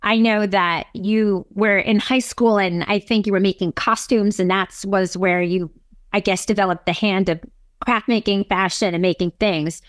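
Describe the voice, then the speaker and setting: A woman's voice: mid-range voice, fairly even intonation, moderate pace, dry recording, studio quality. Chatty woman hosting an interview. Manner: chatty, enthusiastic, lots of affirmations. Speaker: podcast host, interviewer. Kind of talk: conversational interview.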